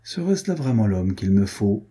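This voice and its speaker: A man voicing a sly, scheming male captain in an audiobook, speaking in a measured way. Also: fairly low pitch, sing-song, dark tone, breathy edge.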